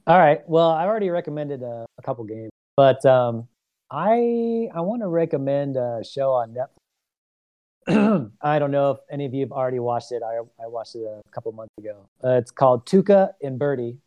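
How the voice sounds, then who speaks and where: A man's voice: mid-range voice, lively intonation, no echo, muffled recording. A man on a podcast, talking casually and eagerly, with frequent fillers and restarts. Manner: enthusiastic, halting with fillers. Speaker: podcast co-host. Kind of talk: casual chat.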